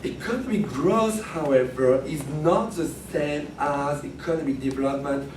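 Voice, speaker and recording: A man with a hoarse, grating voice reading formal opening remarks as a research professor, stumbling and correcting himself. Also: a little high. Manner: halting delivery with frequent stumbles and self-corrections. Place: echoey room at a workshop, indoors. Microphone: distant from the speaker. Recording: noisy, echoey room, distant microphone.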